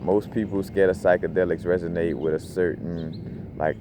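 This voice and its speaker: Deep-voiced man, loose slangy spiritual talk. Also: fairly even intonation, moderate pace. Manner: loose, rambling, slangy, lots of "you know what I'm saying". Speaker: crystal channel host. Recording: noisy background hum.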